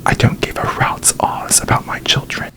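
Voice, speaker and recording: Man whispering as prim queen Alicent Hightower. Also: moderate pace, natural voice, low-quality recording. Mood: yearning, pleading. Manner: formal, pompous, archaic wording. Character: prim, needy, aggrieved medieval queen, a woman. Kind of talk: whispered ASMR parody.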